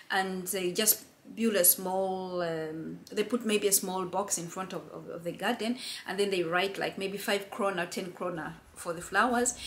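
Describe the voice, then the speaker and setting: A woman's voice: on the low side, slight background noise. A middle-aged woman from Uganda, chatting casually and earnestly to camera as a friendly vlogger. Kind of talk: casual vlog chat to camera.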